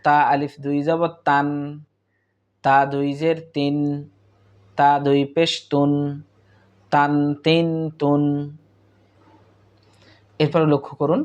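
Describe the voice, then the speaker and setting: A man's voice: on the high side, level tone, slow pace, pauses often, a little mellow, clear, resonant tone, highs cut off. A man teaching Quran reading, patiently drilling each sound in repeated patterns. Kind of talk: slow spelled-out recitation lesson.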